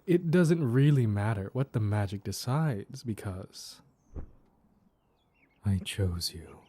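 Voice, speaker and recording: A man voicing a mischievous, flirtatious mad cat in an intimate roleplay audio, teasing with coy pet names in a soft, husky purr. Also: lowish voice, lively intonation, slow, slight background noise. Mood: flirtatious, possessive.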